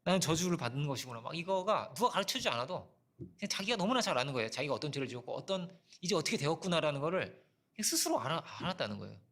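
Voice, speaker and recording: Racing along, a middle-aged male pastor with a high-leaning, fairly bright voice sounds very animated. His conversational sermon mixes storytelling from his own life with rhetorical questions and a frequent rhetorical "어?".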